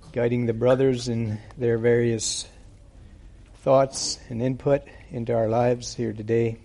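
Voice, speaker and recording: A man preaching and praying at a church service, speaking into a pulpit microphone in an unhurried, deliberate way with frequent pauses. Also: medium pitch, vocal fry, warm tone. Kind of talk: sermon with prayer.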